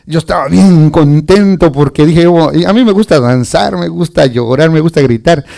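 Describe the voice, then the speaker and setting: Male preacher, slightly high and gravelly, lively and chatty with the congregation. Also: normal speed. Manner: animated, chuckling, addresses listeners as brother. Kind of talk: lively Spanish sermon.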